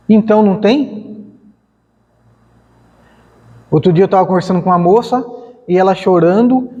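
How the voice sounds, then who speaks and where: A long hall reverb surrounds a man's high-pitched, warm voice, with the highs cut off. He's lecturing at a spiritist center in a conversational way, acting out dialogues and posing rhetorical questions.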